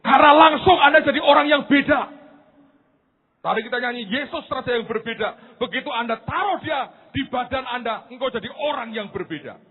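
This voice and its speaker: Lively preacher, husky, phone-like. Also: male voice, extremely high pitch, brisk. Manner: animated preaching, swings from loud to quiet, acts out dialogues. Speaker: pastor. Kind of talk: sermon. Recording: phone-like narrow sound.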